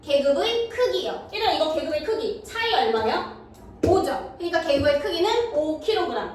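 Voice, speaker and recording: A woman with a high voice teaches middle school math to a class, pausing again and again to ask if the students understand. Her voice rings in a very echoey classroom. The mic sits some distance away, with a faint noise underneath. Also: very animated. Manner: checks understanding with quick questions to students. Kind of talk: classroom lecture.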